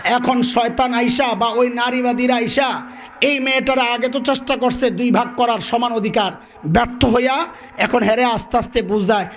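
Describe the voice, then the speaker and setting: A man's voice: extremely high pitch, normal speed. A man preaching a sermon, quizzing his audience and acting out little dialogues. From Bangladesh. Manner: animated call-and-response, quizzing the crowd; acts out characters in dialogue.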